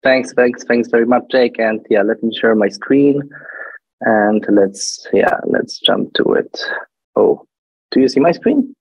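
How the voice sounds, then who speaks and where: A man's voice: medium pitch, unhurried, darkish tone, slightly rough, no echo, highs cut off. A man giving a conference presentation as a guest speaker over a video call, friendly, with some hesitant restarts. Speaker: guest speaker, venture fund partner.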